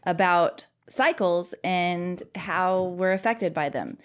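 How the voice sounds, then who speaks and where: Chatty woman, relaxed podcast talk. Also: lowish voice, takes it slowly, clear, resonant tone. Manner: chatty, laughs often, rambling asides. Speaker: podcast co-host. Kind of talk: casual chat with her husband.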